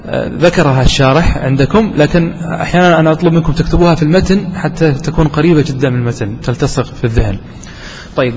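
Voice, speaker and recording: A man teaching a grammar lesson to students, asking them questions and repeating examples slowly and deliberately. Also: fairly high pitch, a little mellow. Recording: roomy hall, faint background noise.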